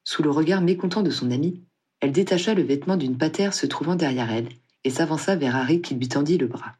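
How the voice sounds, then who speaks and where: A reader narrating a story in a steady, husky voice. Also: mid-range voice, quick pace. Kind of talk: scripted audiobook narration.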